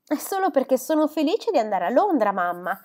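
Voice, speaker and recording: A woman voicing a lively, impulsive young woman in a storybook reading, eager and quick to brighten. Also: high-pitched, voice pushed up.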